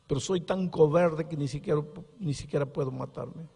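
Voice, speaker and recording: A man's voice: fairly high pitch, normal speed, gravelly, breathy edge. A preacher voicing a despairing teenage girl. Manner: hushed, pleading quotes within a story. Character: desperate pregnant fifteen-year-old girl. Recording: long hall reverb.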